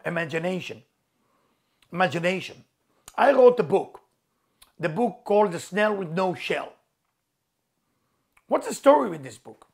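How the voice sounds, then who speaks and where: Speaking in a high-pitched, creaky voice, this middle-aged man gives a spiritual motivational talk with earnest conviction. A native Hebrew speaker and spiritual teacher, he stresses key words by repeating them in non-native phrasing.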